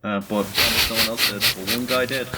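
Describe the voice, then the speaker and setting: A man with a middle-pitched voice chats on a podcast in an easygoing way, peppering his talk with "like". He sounds loose and informal. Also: steady tone, heavy background noise. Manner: casual, quick asides, uses "like" often. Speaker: podcast co-host. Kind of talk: casual podcast chat.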